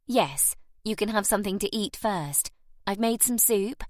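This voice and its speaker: Gentle caretaker, young woman, soothing and warm, a woman narrator doing her. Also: medium pitch, animated, unhurried, no room sound, studio quality, voice pushed up, natural voice. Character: kind young woman caring for orphans.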